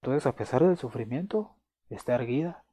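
A man preaching a sermon, slow and emphatic, repeating his phrases before he closes in prayer. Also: medium pitch, lively intonation, dark tone, breathy edge. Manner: prays aloud to close.

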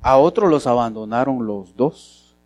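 A man preaches a sermon at a mid pitch. He keeps putting questions to the congregation and moves between loud and soft as he builds his points. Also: animated, a little slow, no echo. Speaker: pastor.

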